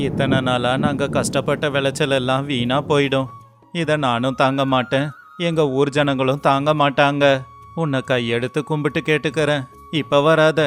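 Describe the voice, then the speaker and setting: A man voicing a poor farmer who pleads in anguish for his ruined harvest. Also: mid-range voice.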